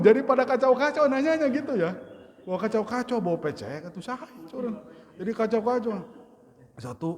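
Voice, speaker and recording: A man giving a casual Islamic study lecture in a mosque, telling stories and mimicking the people he quotes. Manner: storytelling, acts out voices of questioners with high pitch. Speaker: Islamic religious teacher. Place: mosque hall. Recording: long hall reverb.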